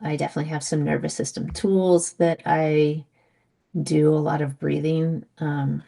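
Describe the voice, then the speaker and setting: A middle-aged woman guest in a casual conversation, talking in a reflective, gentle way with many pauses and fillers. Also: sits low, little pitch movement, vocal fry.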